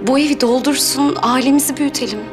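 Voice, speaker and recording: Actress as sweet young wife talking softly, high voice, sad music under. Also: female voice, fairly even intonation, quick pace, close to an everyday voice. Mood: tender. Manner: tender, soft. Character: loving young wife longing for a child. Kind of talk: TV drama acting. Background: soft sad music.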